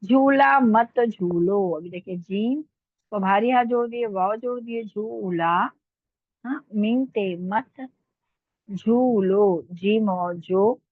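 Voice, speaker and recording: A woman's voice: mid-range voice, slow, no echo, phone-quality sound. A woman teaching Urdu script in an online lesson, spelling words out letter by letter in a patient way.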